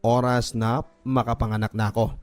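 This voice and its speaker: A Filipino-accented radio drama host reads a listener's letter as an emotive, scripted first-person narration, with a music bed playing behind him. His voice is medium in pitch, level in tone, a little mellow and moderately paced, and the recording itself is dry.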